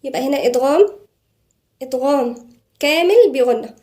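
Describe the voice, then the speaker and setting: A woman with an Egyptian accent, a Quran recitation teacher giving a tajweed lesson, who explains quickly and then slowly draws out each word as a model. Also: sits high, expressive, dark tone. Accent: Egyptian Arabic. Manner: brisk explanations broken by slow, drawn-out model recitation.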